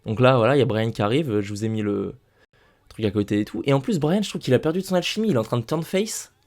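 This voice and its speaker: A man's voice: mid-range voice, animated, fast talker, darkish tone. A young man talking casually into a desk microphone at home, ranting emphatically and repeating his points. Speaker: wrestling recap youtuber. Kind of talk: casual spoken show recap.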